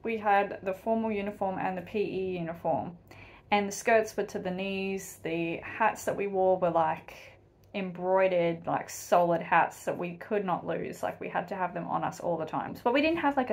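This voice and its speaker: A woman's voice: on the low side, moderate pace. An Australian woman hosting a reaction video, chatting in a casual, emphatic way.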